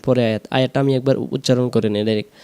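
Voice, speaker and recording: A man teaching Quran recitation, slowly drawing out the verses and then explaining each sound quickly. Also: mid-range voice, steady tone, darkish tone, clear, resonant tone. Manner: slow drawn-out recitation alternating with quick explanations.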